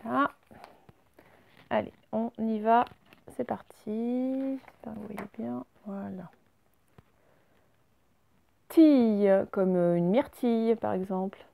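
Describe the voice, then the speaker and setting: A woman teaching a recorded reading lesson to young children. She explains each word slowly and clearly, step by step. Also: medium pitch, fairly even intonation, darkish tone.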